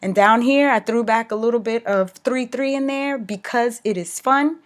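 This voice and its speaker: A young woman teacher giving a recorded lesson, explaining clearly and checking in with "okay" as she goes. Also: fairly high pitch, moderate pace. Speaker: Spanish teacher.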